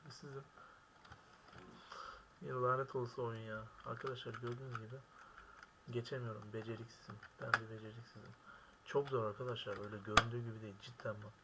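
Young male gamer, mid-pitched, exasperated and complaining at the screen over keyboard clatter. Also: level tone, fast, long pauses. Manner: exasperated, complaining loudly at the game. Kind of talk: frustrated gaming commentary. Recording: keyboard clicks and noise behind. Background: keyboard typing.

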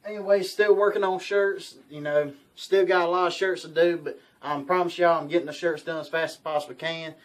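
A man's voice: fairly high pitch, fairly even intonation, fairly quick, hardly any pauses. Young man, rambling vlog chat. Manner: rambling, folksy, repeats himself. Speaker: outdoors channel host. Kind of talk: casual vlog talk to camera. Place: small bedroom indoors.

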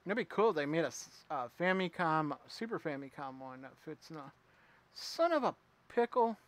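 A man streaming himself playing a retro game, chatting with viewers and reacting out loud as he plays. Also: a little high, expressive, fairly quick. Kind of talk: casual live gameplay commentary.

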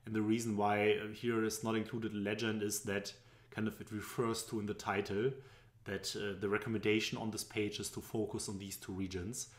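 A young German man with a lowish, fairly flat voice talks briskly through business presentation charts, tutorial-style and full of fillers. He's recording on a webcam at his desk at home, and the room sounds echoey.

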